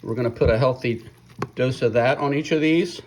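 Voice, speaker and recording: A middle-aged man of ordinary pitch talks through a sandwich on his phone-shot cooking vlog. His delivery is relaxed and folksy, dotted with "uh" and "um". He comes across as a friendly, unpolished home host. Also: a little fast, a little hiss or hum. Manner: relaxed and folksy, with many fillers. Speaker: fan forum founder and video host. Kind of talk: casual cooking vlog chat. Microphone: phone held by the speaker.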